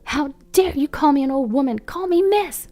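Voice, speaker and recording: A woman voicing a cheerful, fiery middle-aged mother who runs a pizza shop, loud and bubbly. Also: medium pitch, very animated, moderate pace, no echo, lightly acted. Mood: outraged.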